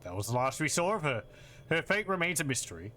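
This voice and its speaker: A man reading the part of a solemn fantasy-game villager in a measured storytelling way. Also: on the high side, sing-song, pushed and bright, a little hiss or hum. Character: solemn villager recounting mysterious disappearances.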